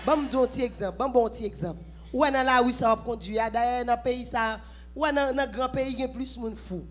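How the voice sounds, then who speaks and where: High-voiced Haitian woman preaching and singing. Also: fast, faint music behind. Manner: mixes Creole, French and English, breaks into song. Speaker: prayer vigil preacher. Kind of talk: preaching and sung worship. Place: church.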